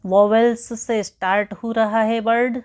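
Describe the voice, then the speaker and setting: A woman's voice: fairly high pitch, steady tone, unhurried, a little mellow. A woman with an Indian English accent teaching an English grammar lesson. She explains patiently, repeats her points and keeps checking in with the listener.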